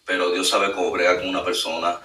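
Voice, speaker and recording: A man's voice: sits low, level tone, fast, pushed and bright. A man giving an earnest spoken testimony, full of fillers. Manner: earnest, storytelling with many fillers. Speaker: guest sharing a testimony. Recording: echoey room, distant mic, faint noise.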